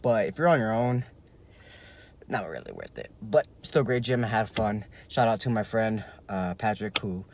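A man's voice: fairly low pitch, lively intonation, moderate pace, noisy background. Young man, twenties, casual car vlog, rambling, lots of filler words, phone at arm's length. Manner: loose and rambling, leans heavily on "like". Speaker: vlogger. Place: inside a parked car. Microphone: phone held at arm's length.

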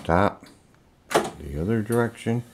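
This is a casual, off-the-cuff product demo by a man selling online, recorded on a handheld camera he holds from off screen indoors at home. He speaks plainly and haltingly but animatedly at a fairly low pitch, with background noise and music playing from audio equipment.

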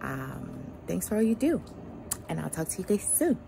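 A woman with a low voice and a gravelly creak speaks as a vlogger from an ice bath. Her delivery is casual and heartfelt, addressed straight to her followers. Faint noise sits behind her. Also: lively intonation, normal speed. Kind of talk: casual, heartfelt talk to camera.

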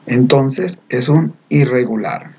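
A man teaching English verbs to Spanish speakers, repeating each word slowly and explaining patiently. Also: mid-range voice, gravelly, darkish tone, husky. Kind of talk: slow pronunciation drill with explanations. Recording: dull lo-fi recording.

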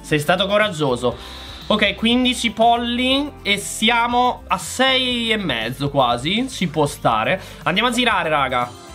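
A slightly hoarse man doing fast-moving gameplay commentary, his pitch jumping up and down as he exclaims and chats straight at his viewers. Faint game music plays softly behind him. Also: big pitch swings. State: voice going hoarse. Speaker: gaming channel host.

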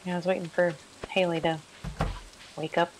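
A woman chatting casually while streaming a farming game, relaxed and swearing now and then. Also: on the low side, normal speed, noisy background. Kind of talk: casual gameplay chat.

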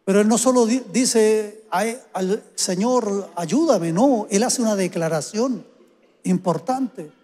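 A man preaching a sermon as pastor to his congregation, often building to fervent, drawn-out calls. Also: high voice, mellow. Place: church sanctuary. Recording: hall reverb.

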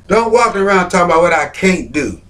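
A man's voice: sits high, animated, normal speed, fairly bright tone. A man preaching a sermon with fervent, repetitive phrasing, breaking in with words of praise. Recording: voice a bit far from the mic.

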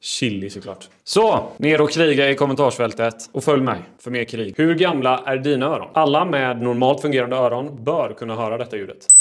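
A man presenting fast quiz and fact clips for social media, with quick, punchy delivery and deadpan pun jokes. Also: medium pitch. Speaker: TikTok creator.

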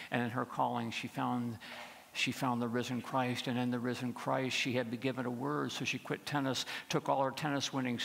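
Bright, gravelly male preacher in church. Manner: rhythmic, building repetition, dropping low for dark passages. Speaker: pastor. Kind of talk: sermon. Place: large church sanctuary with choir behind. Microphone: pulpit microphone. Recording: long reverb of a large church.

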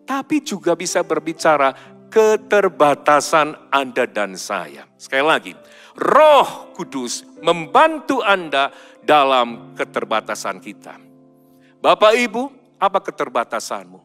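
A middle-aged male pastor preaching a sermon in an animated, storytelling way. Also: on the high side. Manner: animated preaching with sudden loud mimicked baby cries. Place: large church hall. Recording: hall reverb with faint music.

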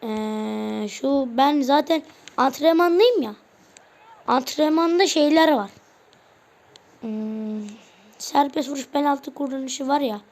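A woman hosting a gaming channel narrates her own football video game match live and casually, in a high voice. Her delivery is slow and loose, broken by short shouted bursts of player names and exclamations at plays, and she grumbles whenever a chance is missed.

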